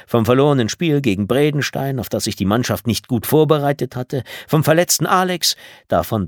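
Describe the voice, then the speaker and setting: A man reading a children's audiobook aloud in an expressive storytelling manner, recorded close on a studio mic. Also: medium pitch, no echo. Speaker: audiobook narrator.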